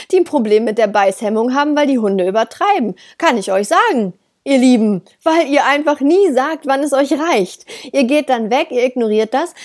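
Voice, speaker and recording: A woman's voice: high-pitched, a little mellow. A woman dog trainer talking casually and bluntly to her listeners, laughing often and hitting words hard. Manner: direct, blunt, with frequent laughs and emphatic stresses.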